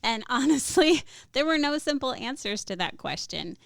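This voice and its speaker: A woman co-hosting a podcast and reading a lively introduction of her guests. Her voice is smooth and clear at a middle pitch. It is recorded close and dry. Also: normal speed, no room sound. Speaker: podcast co-host.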